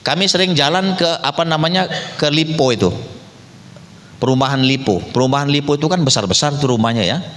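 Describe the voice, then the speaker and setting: A man's voice: a little fast, slight background noise. Storytelling preacher man in a reverberant church. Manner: storytelling preacher, swings between loud high emphasis and low asides. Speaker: pastor. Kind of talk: sermon. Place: church sanctuary.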